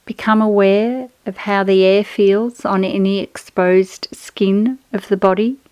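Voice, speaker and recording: A woman guides a yoga relaxation in a soothing, measured, smooth voice of medium pitch with fairly even intonation. She offers gentle instructions one phrase at a time, pausing between them. The audio is close and dry, with very little room sound and no echo.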